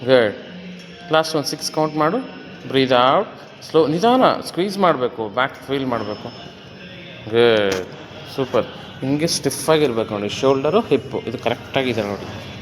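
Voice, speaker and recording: A man's voice: mid-range voice, lively intonation, moderate pace, long pauses. A man coaching his wife through a gym workout, giving short commands and counting reps. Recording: echoey gym hall with faint music.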